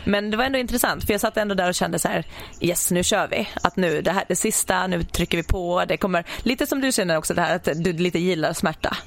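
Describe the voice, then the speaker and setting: A young woman, a sprinter, chatting casually and telling stories in an animated way, acting out her own reactions. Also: on the low side, gravelly, hardly any pauses. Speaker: podcast guest, sprinter. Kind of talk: casual chat.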